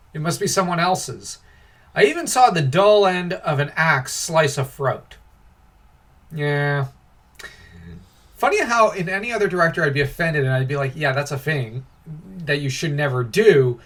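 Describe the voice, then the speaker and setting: A young man with a fairly high voice co-hosts a podcast, reading film reviews and tearing into them. His delivery is sarcastic and lively, his pitch swinging up and down as he rants and laughs. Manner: sarcastic, laughs often, animated ranting. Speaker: podcast co-host. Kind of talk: casual podcast review chat.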